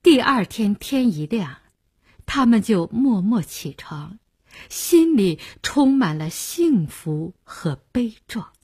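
A woman narrating a novel with expressive storytelling that turns soft at tender moments. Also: mid-range voice, slow pace, husky. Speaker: audiobook narrator.

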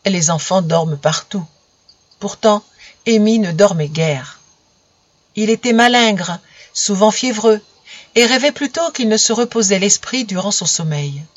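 A narrator reading a story aloud in an even, measured way. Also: medium pitch, dry recording, muffled recording.

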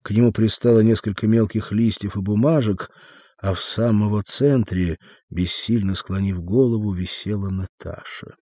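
A man narrating a literary novel as an audiobook reader, in an expressive, measured way. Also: on the low side, no room sound, clean studio sound.

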